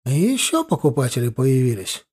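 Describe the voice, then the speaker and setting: A man's voice: mid-range voice, sing-song, normal speed, darkish tone, slightly rough. A man playing a defensive, muttering village homeowner in his sixties, grumbling about his neighbours. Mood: flustered.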